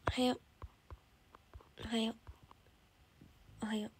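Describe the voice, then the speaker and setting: A young woman idol on a casual livestream, chatty and bubbly, reading out viewer comments and often dropping to a soft whisper. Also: fairly high pitch, flat delivery, a little slow, husky. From Japan. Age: young adult.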